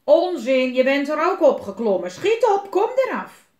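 A woman voicing a grumpy, gruff male pirate who barks and grumbles loudly. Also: high-pitched, sing-song, normal speed, reverberant, highs cut off, voice pushed up. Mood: angry shouting. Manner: loud, barking, grumbling.

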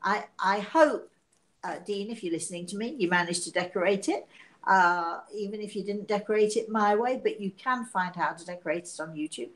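Her voice rough with illness and broken by coughs, a sixties-aged psychic medium hosts a casual live chat at home in the living room. She talks a little fast at a medium pitch, rambling warmly, laughing, and teasing herself, with a tablet camera held at arm's length as the mic.

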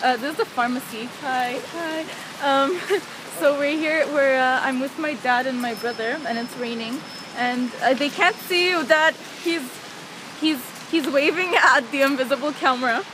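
A young woman chatting casually to her camera in a vlog, giggly and excitable. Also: high voice, normal speed. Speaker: vlogger. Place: outdoors in the rain, then indoors. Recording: noisy outdoor camera audio with wind.

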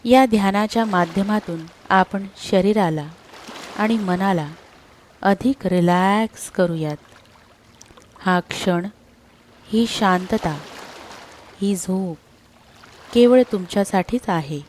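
A woman with a darkish, mid-range voice guides a scripted sleep meditation, speaking short phrases slowly and calmly and letting long silences fall between them. Slight background noise can be heard.

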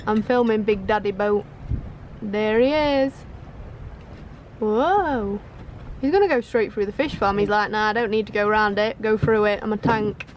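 A young woman chatting casually to camera from a sailboat at anchor, teasing and quick with exclamations. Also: mid-range voice, low-quality recording. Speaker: sailing vlogger. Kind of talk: casual vlog chat. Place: outdoors on a sailboat deck at anchor. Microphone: handheld camera at arm's length. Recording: outdoor wind and boat noise.

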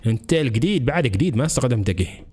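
A young man commentating his horror game play to viewers, excitable and chatty. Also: mid-range voice, racing, slightly rough. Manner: excitable, talks to viewers as brothers. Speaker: gaming channel host.

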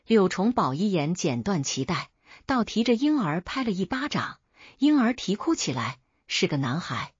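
A woman narrating folk tales as a storyteller, in a steady, even reading. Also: on the low side, normal speed, breathy edge, no room sound. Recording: dull dry recording.

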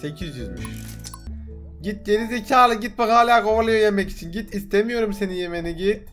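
A young man with a high voice talks through a fishing game, excitable and quick to swear as he coaxes fish onto the line. His casual commentary is backed by faint music. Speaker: gaming YouTuber.

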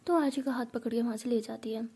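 Give me a woman storyteller with a quick, breathy, slightly high whisper. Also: fairly even intonation, mellow.

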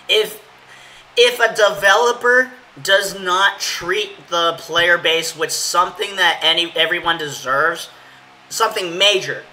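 A man with a hoarse voice giving casual, rambling, opinionated gaming commentary as channel host. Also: high-pitched, measured pace, pushed and bright, poor audio. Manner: rambling, filler-heavy, opinionated. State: hoarse from yelling.

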